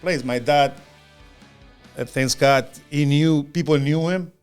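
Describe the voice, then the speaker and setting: A man in his fifties from Chile, with a Chilean Spanish accent, co-hosting a podcast in an earnest, halting way, often repeating words. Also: on the high side, smooth, soft background music. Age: 50s. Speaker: podcast co-host. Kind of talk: casual podcast chat.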